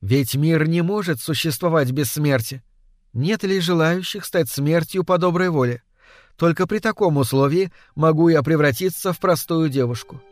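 A man puts on Death as a hushed, courtly young lady in a spoken storybook, raised a few steps in pitch and kept low and slow. She coaxes calmly and measures out every phrase. The recording is close and dry. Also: no room sound, natural voice. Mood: solemn. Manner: quiet, measured, coaxing.

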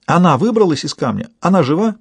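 A man's voice: fairly high pitch, sing-song, quick pace, gravelly, breathy edge, no room sound, pitched above the performer's own voice, exaggerated voice. A man reading an audiobook and voicing a bossy, cold woman leader who snaps out orders. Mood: commanding. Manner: snapping, domineering orders.

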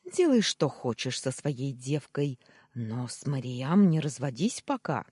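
A man's voice: medium pitch, very animated, measured pace, darkish tone, husky, dry recording, clean studio sound. A man voicing a scheming, fat middle-aged uncle who shrieks and splutters, in an audiobook reading. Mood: spiteful. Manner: shrieking, spluttering, then nervous babbling.

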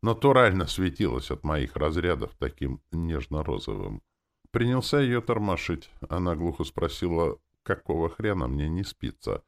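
A man reading a first-person audiobook in a wry, expressive manner. His voice sits very low, with a gravelly rasp and lively swings in pitch. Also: moderate pace. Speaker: audiobook narrator.

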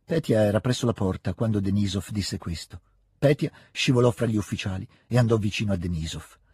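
A man with an Italian accent reading a classic novel aloud in a measured, calm audiobook style. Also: fairly low pitch, breathy edge, no echo, clean studio sound. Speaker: narrator.

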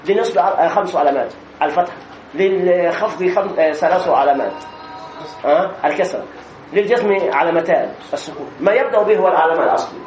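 A man's voice: a little high, fast talker, darkish tone, roomy sound, slight background noise, low-quality recording. A man teaching a classroom grammar lesson, explaining step by step and often checking that the students understand.

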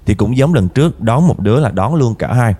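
A man's voice: medium pitch, animated, a little fast, warm tone, slightly rough. A man narrating a dramatic true story in the first person, talking directly to his listeners with emotion.

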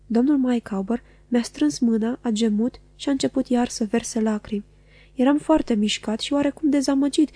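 A woman narrates a classic novel in a measured, expressive audiobook reading. Her voice sits slightly high with a warm, mellow tone. The sound is close and dry. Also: dry recording.

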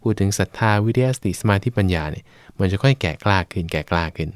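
A man's voice: low voice, animated, quick pace, clean tone, no echo. A man, a Buddhist monk, explaining teachings in plain talk with homely examples. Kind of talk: Dharma teaching in conversation. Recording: dry studio radio sound.

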